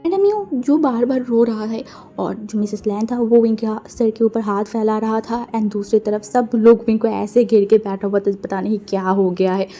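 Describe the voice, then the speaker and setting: A woman's voice: fairly high pitch, normal speed, warm tone, faint music behind. A woman narrating a fan fiction story aloud in a casual storytelling manner, mixing in English words.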